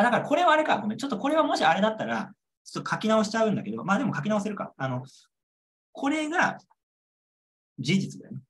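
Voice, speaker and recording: Very animated, fast-talking male lecturer. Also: high voice. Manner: repeats key points, checks understanding with rhetorical questions. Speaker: law exam lecturer. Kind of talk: lecture, explaining a model answer.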